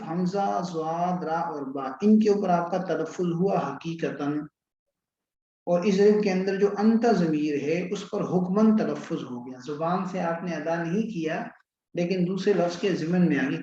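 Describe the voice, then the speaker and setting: A man's voice: high voice, mellow. A male teacher giving a patient lesson, repeating and explaining each point step by step and asking questions. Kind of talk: classroom lecture on grammar. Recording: echoey room, dull lo-fi sound with faint hiss.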